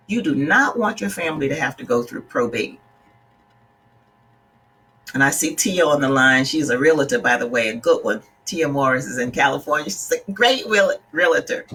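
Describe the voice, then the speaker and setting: A woman's voice: low voice, fairly bright tone, husky. A middle-aged woman from the Bahamas, a life coach talking casually to her live-stream viewers in an earnest, direct way and greeting them by name. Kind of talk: casual livestream talk.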